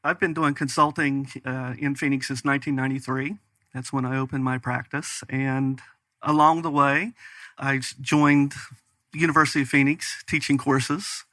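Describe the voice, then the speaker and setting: Middle aged guy w west virginia appalachian accent, forceful bright voice, dry sound, talking shop as a guest. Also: medium pitch, fairly even intonation, normal speed, no echo. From West Virginia, United States. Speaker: guest, business strategy consultant. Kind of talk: conversational interview answers.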